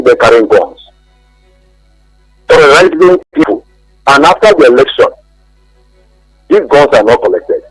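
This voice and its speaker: A man calling in to a radio show, speaking earnestly and haltingly. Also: medium pitch, vocal fry, breathy edge, no echo, poor audio. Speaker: caller. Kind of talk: call-in comment.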